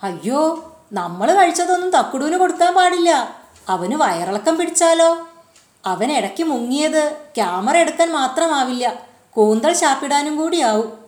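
A fussy, quick-witted young girl from a children's story frets in a high voice, as a woman puts her on. The recording is roomy. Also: expressive, a little mellow. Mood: fretful. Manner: fussing, alarmed. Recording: roomy echo.

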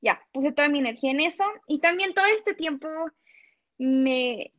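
Young Mexican woman, interview guest; high, animated storyteller voice; dull, dry recording. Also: normal speed, dry recording. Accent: Mexican Spanish. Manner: animated storytelling, acts out dialogue, laughs often. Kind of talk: casual interview chat.

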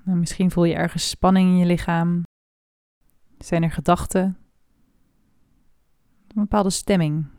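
A woman leading a guided body scan meditation, speaking slowly and softly with long pauses. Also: fairly low pitch, no room sound, clean studio sound. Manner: slow, soft and calm with long pauses.

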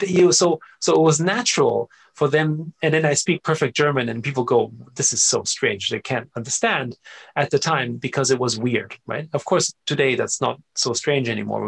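A middle-aged man from Austria talks as a guest in a relaxed interview. His voice is low-middle, gravelly and a bit husky. He tells stories with plenty of energy and keeps checking in with his listener. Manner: animated storyteller, frequent "right?" and "you know" tags. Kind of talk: casual conversational interview.

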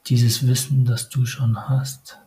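A man giving a meditative spiritual monologue, addressing the listener directly in short, halting phrases with frequent hesitations. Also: mid-range voice, little pitch movement, dark tone, low-quality recording.

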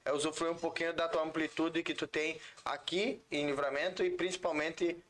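A male co-host talks casually. His voice sits a little higher than average for a man. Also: little pitch movement, moderate pace, fairly bright tone. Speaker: podcast co-host. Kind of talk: casual chat.

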